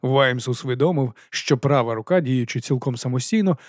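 A man narrating an audiobook in a steady, even reading voice. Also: medium pitch, normal speed, no echo, clean studio sound. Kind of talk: scripted narration.

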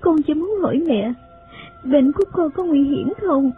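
A man reading an audiobook voices a frail, sickly young woman in a soft, tearful, pleading way. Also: extremely high pitch, moderate pace, pitched above the performer's own voice. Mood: sorrowful pleading. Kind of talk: audiobook character voice. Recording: phone-like sound, faint music.

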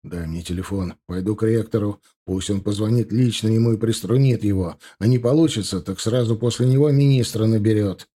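A man voicing an indignant senior university official who speaks gruffly and commandingly. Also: fairly low pitch, brisk, few pauses, dark tone, close to an everyday voice.

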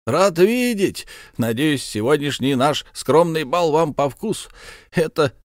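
A man's voice: a little high, lively intonation, measured pace, no room sound, clean studio sound, voice pushed up. A man voicing a blustering, hot-tempered, slightly drunk count who hosts a ball, speaking in effusive, theatrical exclamations. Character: blustering tipsy middle-aged count, host of a ball.

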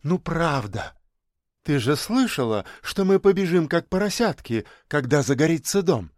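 A man's voice: on the high side, big pitch swings, moderate pace, darkish tone, no echo, studio quality. A man reading aloud voicing a timid, frightened young housemaid who pleads. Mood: pleading. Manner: pleading, tremulous.

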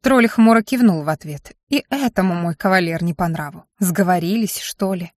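A woman reading a first-person fantasy story aloud in a steady, measured narration. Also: fairly low pitch, dry recording, clean studio sound. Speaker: audiobook narrator. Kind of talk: scripted narration.

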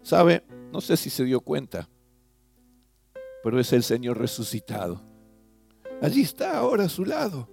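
A man leading a guided devotional meditation, earnestly addressing the listener with questions, his voice swelling on key phrases and falling soft at line ends. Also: medium pitch, very animated, measured pace, gravelly, long pauses. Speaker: preacher. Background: soft guitar music.

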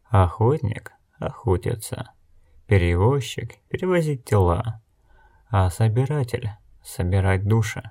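Brief: steady blind wanderer woman, read by a man with a lowish voice, measured and calm.

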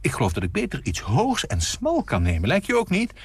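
A man voicing a chatty woman in her forties who gushes and fusses, with a husky voice, in a radio story. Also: a little high, wildly swooping pitch, a little fast, pitched above the performer's own voice, heavily acted. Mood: fussy. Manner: gushing, fussy, drifting mid-sentence. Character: chatty 42-year-old housewife, gushing.

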